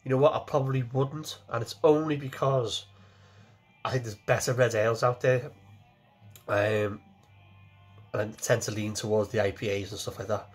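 A man's voice: medium pitch, steady tone, normal speed, long pauses, slightly rough, soft background music. A man in his forties, talking casually to camera from a small home kitchen as he reviews a beer, chatty and repeating himself as he goes.

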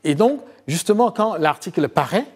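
A middle-aged man from Côte d'Ivoire, a historian, giving long answers in a TV interview, often pausing with fillers and repeating phrases. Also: sits high, expressive, husky. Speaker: historian and author guest. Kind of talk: TV interview, recounting his research.

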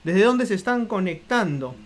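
A man's voice: sits high, very animated, normal speed. A man with a Peruvian accent hosting a live book stream, talking to his viewers in a playful, theatrical way. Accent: Peruvian Spanish. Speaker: host of a live book podcast. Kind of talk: live-stream casual chat.

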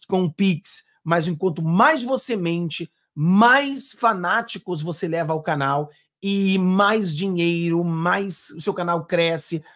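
A man's voice: on the high side, fairly bright tone. A man in his thirties with a Brazilian Portuguese accent, giving earnest, emphatic live commentary from a home studio on headphones. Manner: earnest, emphatic, gestures with hands. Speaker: political commentator. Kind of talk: live-stream reaction commentary. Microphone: over-ear headphones, desk mic.

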